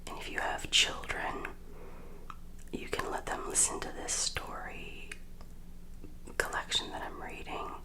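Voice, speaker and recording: Lady whispering a kids bedtime story, asmr style, super slow and gentle. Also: poor audio. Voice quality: breathy unvoiced whisper. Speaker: storyteller reading children's tales.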